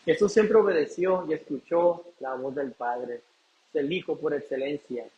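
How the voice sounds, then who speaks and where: A man with a high voice delivers a sermon from the pulpit. He keeps asking the congregation questions and answering them himself. The recording sounds dull and muffled. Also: unhurried, warm tone. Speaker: pastor.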